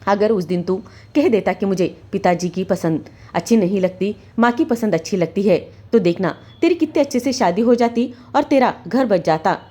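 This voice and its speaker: A woman's voice: medium pitch, normal speed, warm tone, lightly acted. A woman voicing a proud, condescending mother-in-law who speaks with haughty scorn. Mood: haughty, scornful.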